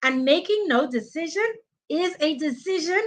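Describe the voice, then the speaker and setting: A woman's voice: high voice, expressive, normal speed. A woman in her thirties giving an earnest, preaching motivational talk on a live stream, thanking viewers by name as she coaches them. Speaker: life coach hosting a live training.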